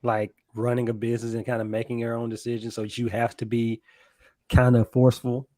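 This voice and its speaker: A man from the American South with a Southern accent, co-hosting a podcast and recapping scenes in a relaxed, casual way. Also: medium pitch, a little fast, no echo. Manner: laid-back storytelling, recaps scenes with quoted lines. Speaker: podcast co-host. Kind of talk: casual chat.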